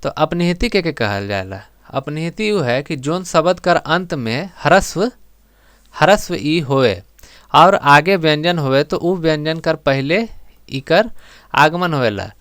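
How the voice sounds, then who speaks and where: A man teaching an exam-prep grammar lesson, explaining step by step and repeating words slowly for emphasis. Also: a little high, lively intonation, a bit bright, smooth, dry recording, clean studio sound.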